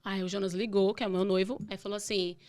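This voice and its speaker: A young woman, a podcast guest telling a long personal story in a casual, animated way. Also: medium pitch, fast. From Brazil. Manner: animated, acts out dialogue in her retelling.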